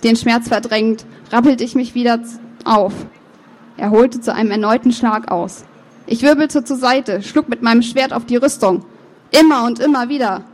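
A woman author reading her novel aloud, with measured, expressive first-person narration and the odd slip of the tongue. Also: a little high, slight background noise. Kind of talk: book reading.

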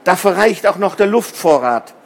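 A man's voice: high-pitched, expressive, normal speed, vocal fry, voice pushed up, exaggerated voice. A man voicing a small, eager boy astronaut in a children's storybook.

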